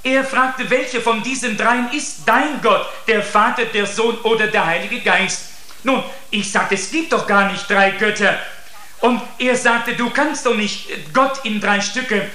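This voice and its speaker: Earnest male preacher delivering a sermon, slow and deliberate, roomy sound. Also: high-pitched, bright, forceful tone. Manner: earnest, addresses listeners with repeated "seht". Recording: echoey room.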